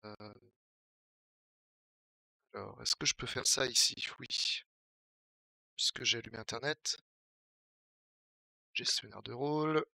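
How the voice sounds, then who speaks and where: A man's voice: mid-range voice, slow pace, gravelly, long pauses, sharp tone, dry recording, studio quality. Chatty young Parisian man streaming games. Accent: Parisian French. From Paris region, France. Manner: chatty, joking, reads and answers chat. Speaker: Twitch streamer. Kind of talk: casual live-stream game commentary.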